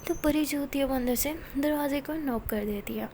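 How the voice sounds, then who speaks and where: A woman's voice: sits high, fairly quick, warm tone, slight background noise. A woman narrating a love story in a plain, conversational way.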